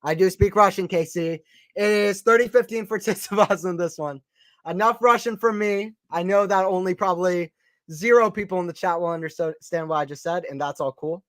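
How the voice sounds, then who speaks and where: A play-by-play commentator from Atlanta, Georgia, with a slight Southern accent, calls a tennis match live on a watchalong stream, chatting casually and answering chat questions between points. His high, fairly bright voice moves at normal speed and jumps sharply when rallies heat up. The recording is dry and close, with no echo.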